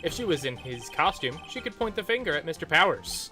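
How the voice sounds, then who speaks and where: A man's voice: a little high, very animated, brisk. A man playing a confident, argumentative young defense lawyer in a comedic game voice-over, speaking emphatically. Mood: explanatory. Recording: music behind the voice.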